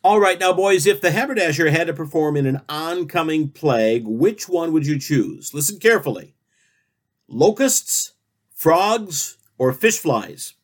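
A man hosting a comic talk show, rambling through absurd questions and deadpan jokes. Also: fairly high pitch, measured pace.

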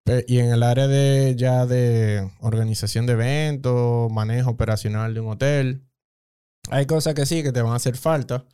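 Mellow Dominican man, smooth voice. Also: medium pitch, fairly even intonation, normal speed, no echo, clean studio sound. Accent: Dominican Spanish. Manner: chatty, explains at length with restarts. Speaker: podcast guest, hospitality professional. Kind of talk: casual interview talk.

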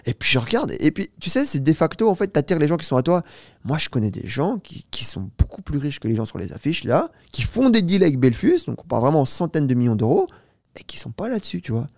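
A man in his twenties who founded a startup talks at length as a guest in a casual interview, rapid and animated, with plenty of fillers and "tu vois" ("you see"). His voice is on the high side with vocal fry, recorded with no echo in clean studio sound.

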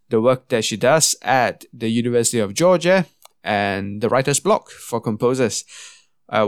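A man hosting a podcast interview, talking in a relaxed, chatty way and laughing often, over a video call. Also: medium pitch, smooth, dry recording, studio quality. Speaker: podcast host.

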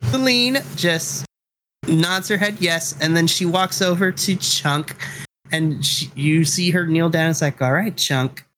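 A man narrating as game master with lively storytelling, quick to laugh. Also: fairly high pitch, slight background noise, rough recording.

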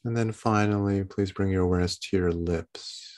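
A man guiding a body-scan meditation as a teacher, in a calm, meditative tone with gentle instructions in short phrases. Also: sits low, moderate pace.

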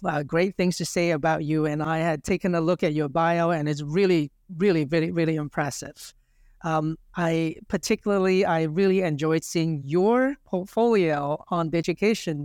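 A man's voice: fairly high pitch, smooth, no echo, studio quality. A man hosting a podcast who reads a scripted intro and then interviews his guest with enthusiasm and frequent fillers. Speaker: podcast host.

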